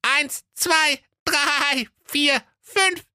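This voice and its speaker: A man voicing a bunch of cheeky little goat kids in a shrill, very high voice in a comic storybook reading. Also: very slow, sharp tone, no room sound, exaggerated voice.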